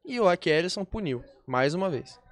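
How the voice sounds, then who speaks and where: A man's voice: high voice, animated, normal speed. A man with a Brazilian accent giving colloquial, conversational analysis as a football pundit.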